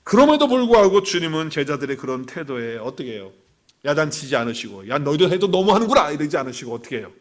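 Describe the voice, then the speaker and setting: A male pastor giving a sermon at a livestreamed church service. He preaches with animated swings from loud exclamations to quiet asides, asks the congregation questions and acts out quotes. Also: medium pitch.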